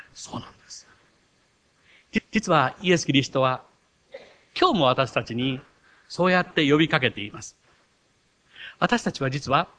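A man preaching a sermon as pastor, animated, with self-mocking asides. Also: on the high side. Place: church.

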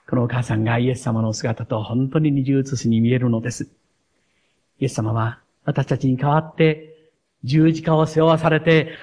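A pastor giving a sermon, reading a story aloud in an earnest, measured way. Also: male voice, mid-range voice, darkish tone.

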